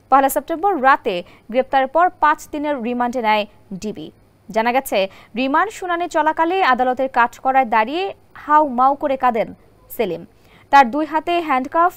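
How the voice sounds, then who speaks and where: A woman with a Bangladeshi accent narrating a scripted news report in a measured, formal manner. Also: high-pitched, clean tone, no echo.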